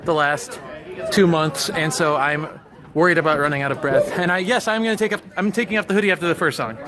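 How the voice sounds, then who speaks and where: Young man vlogging, slightly high voice, loud crowd around, self-mocking. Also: quick pace. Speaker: rapper and vlogger. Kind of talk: casual vlog talk.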